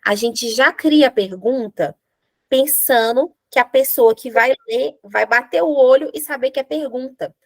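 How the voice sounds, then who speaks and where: A Brazilian Portuguese-accented woman teaching English grammar with playful, animated explanations. Her voice sits high, and the sound is dry and close with no room around it. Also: measured pace, no echo. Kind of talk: classroom grammar lesson.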